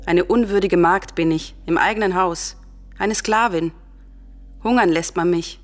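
An actress playing Elektra, a bitter, grieving young princess, in a radio drama with a mournful lament. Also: female voice, lowish voice, unhurried, close to an everyday voice. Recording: radio play with soft music behind.

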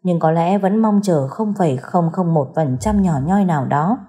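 A woman narrating a serialized audio story, reading in a steady, dramatic storytelling manner. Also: fairly low pitch, moderate pace. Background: soft background music.

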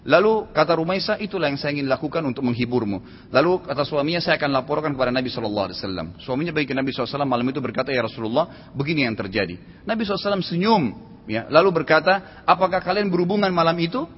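A man delivers a sermon at a brisk clip, his husky voice sitting a little high. He acts out quoted voices as he tells stories. The sound is muffled and carries a long hall reverb. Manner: lively storytelling with quoted voices. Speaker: preacher. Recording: dull reverberant lecture hall audio.

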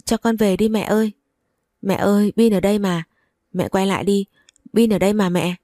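A woman voicing a small boy who cries and begs to stay with his mother, higher and faster than her own voice. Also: steady tone, warm tone, no echo, clean studio sound, natural voice. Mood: pleading. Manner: pleading, sobbing cries.

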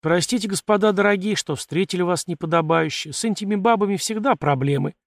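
A man playing a hoarse, blunt older village father who grumbles in rough rustic talk. The voice is gravelly and close, with a dry audiobook sound. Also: sits high, a little fast, no room sound, pitched above the performer's own voice. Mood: gruff. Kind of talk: audiobook character reading.

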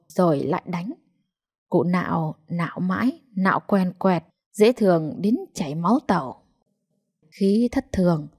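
Calm woman narrating a story. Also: on the low side, breathy edge, dry recording, clean studio sound. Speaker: audiobook narrator.

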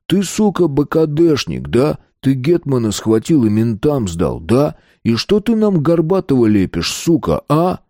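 A man's voice: mid-range voice, sing-song, unhurried, hardly any pauses, warm tone, no room sound, clean studio sound, voice pushed up. A man voicing an angry, foul-mouthed teenage gang member. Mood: snarling. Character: angry stocky teen street thug.

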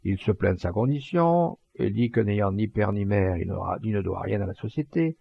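Morin, a man voicing a gravelly boastful poacher. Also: on the low side, animated, moderate pace, no room sound, highs cut off, full character voice. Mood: vexed. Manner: earthy, plain-spoken, emphatic. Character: blunt, boastful rustic male poacher-hunter.

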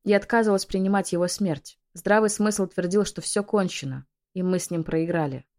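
A woman's voice: on the low side, brisk, a little mellow. Woman narrating a romance audiobook.

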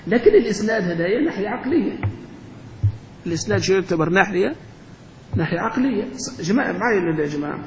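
High-voiced sheikh lecturing in echoey hall. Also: male voice, lively intonation, very fast, long pauses. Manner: asks the class questions and answers them himself. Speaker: sheikh teaching grammar. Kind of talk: classroom lecture. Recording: echoey hall, dull lo-fi sound, faint hum.

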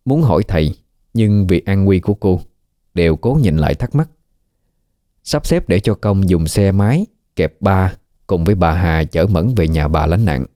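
A man narrating a horror story in a measured, even storytelling manner. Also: low-pitched, no echo, clean studio sound.

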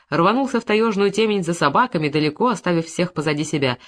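Female audiobook narrator, storytelling read, voices the dialogue. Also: medium pitch. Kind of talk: scripted narration with character voices.

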